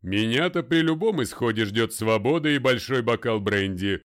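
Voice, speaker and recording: A man voicing a domineering older male lawyer in an audiobook, loud, commanding and deliberate. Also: medium pitch, expressive, lightly acted. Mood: stern. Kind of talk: audiobook character voice.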